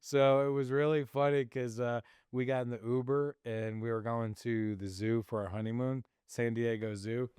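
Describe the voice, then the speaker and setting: A middle-aged man hosting a podcast, telling a personal story in a casual, animated way and laughing often. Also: mid-range voice, moderate pace, few pauses, clear, resonant tone, no room sound, clean studio sound. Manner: animated, laughs often, acts out quoted voices. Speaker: podcast host.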